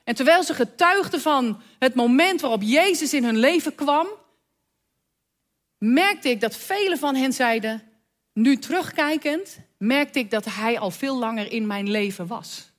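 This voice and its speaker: High-voiced woman preaching. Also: lively intonation. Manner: storytelling, dramatic pauses, emphatic. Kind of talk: sermon.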